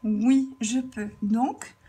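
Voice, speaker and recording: A woman teaching a grammar lesson, explaining slowly and carefully while she writes out examples. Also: a little high, steady tone, warm tone, faint music behind. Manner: slow, careful dictation, writing while talking.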